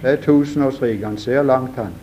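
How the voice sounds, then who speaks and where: A man's voice: medium pitch, warm tone, slight background noise. A man preaching a sermon with fervor, firing rhetorical questions at his listeners and addressing them directly again and again.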